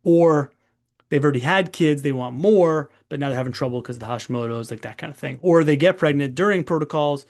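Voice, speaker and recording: A man's voice: a little high, a little fast, a little mellow. A man in his forties hosting a casual webinar Q&A as a doctor, chatty and long-winded. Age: 40s.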